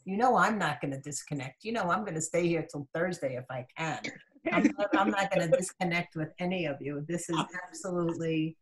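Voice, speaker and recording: A woman's voice: on the low side, fairly quick, a little hiss or hum, poor audio. An older woman at her retirement video call, talking in an emotional, affectionate way. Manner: effusive, affectionate. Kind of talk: emotional casual chat.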